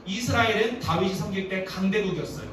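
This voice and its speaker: A man who is a youth pastor, preaching a storytelling sermon in a lively manner and acting out the quotes, recorded from a distance in a very echoey church. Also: high voice, fast. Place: church sanctuary. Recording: very echoey hall, distant mic, faint noise.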